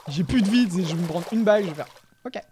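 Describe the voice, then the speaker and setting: A man giving live gameplay commentary as a gaming YouTuber, chatting steadily and breaking into shouts and yelps during fights. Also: sits high, animated, rapid-fire, slight background noise.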